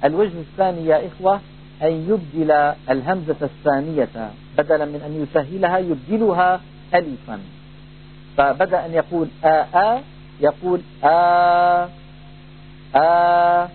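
A man teaching a Quran recitation lesson, explaining rules in a measured way and slowly drawing out recited examples. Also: a little high, faint music behind. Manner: measured, drawn-out demonstrations of recited words. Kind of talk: tajwid lesson with demonstrated recitation. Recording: tinny phone-like band, faint hum.

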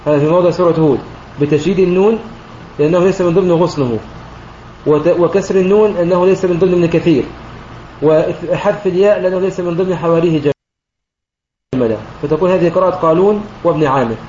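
A high-pitched man speaks quickly as a sheikh teaching Quranic recitation, explaining a poem line by line. His voice sounds roomy and dull, like lo-fi online voice chat with faint noise behind it. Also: mellow. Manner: methodical, often pauses to clear his throat and correct himself.

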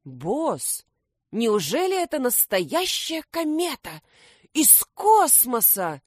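A woman's voice: on the high side, big pitch swings, very slow, a little mellow, husky, no room sound, studio quality, pitched above the performer's own voice, heavily acted. A woman voicing an eager young male animal sidekick to a detective. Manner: eager, wondering.

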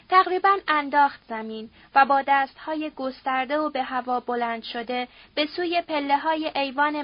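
A woman narrating a novel in a steady, dramatic storytelling manner. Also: sits high, no echo, muffled recording. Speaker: audiobook narrator. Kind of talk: literary narration.

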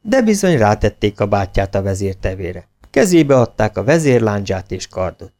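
Give me a man narrating a children's storybook with an animated, lively voice. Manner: expressive, lowers voice for narration tags. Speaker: audiobook reader.

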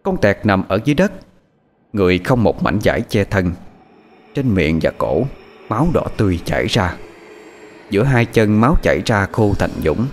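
A man telling a horror story in an expressive, dramatic narrating manner. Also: lowish voice, normal speed, pauses often, slight background noise.

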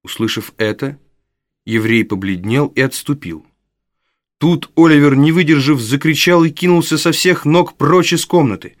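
A man narrating a story in a measured, dramatic storytelling manner. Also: fairly high pitch, no room sound, studio quality. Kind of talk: audiobook narration.

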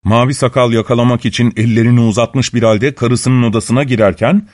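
A man narrating a fairy tale in an expressive, dramatic storytelling manner. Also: medium pitch, fairly quick.

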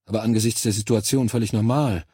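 A man reading a calm, clinical army medic. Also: fairly low pitch, fast talker, breathy edge, no echo, clean studio sound. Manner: clinical, matter-of-fact explaining. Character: composed male army medic examining alien bodies.

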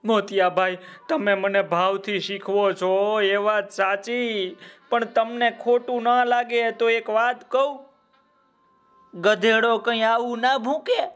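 A man's voice: high voice, steady tone, takes it slowly, a bit bright, clean tone, soft background music. A man voicing a simple, tearful male donkey who has forgotten how to bray, pleading in a raised voice. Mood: polite.

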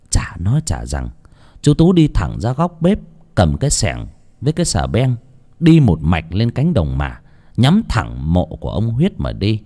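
Brief: male audiobook narrator, warm, dark tone, highly animated delivery. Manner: expressive storytelling with wide swings in pitch. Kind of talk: scripted horror story narration. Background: faint music.

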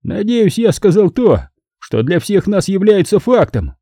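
A man's voice: high-pitched, very animated, measured pace, mellow, no echo, clean studio sound, pitched above the performer's own voice, full character voice. A man doing a harsh, nervous sneering man. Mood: firm. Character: rude, nervous, sarcastic man in silk pajamas.

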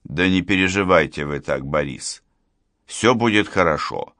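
A man's voice: low voice, big pitch swings, moderate pace, fairly bright tone, no echo, studio quality, heavily acted. A man voicing a mild, reassuring police colonel in an audiobook. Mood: calm. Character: calm soothing middle-aged male police colonel.

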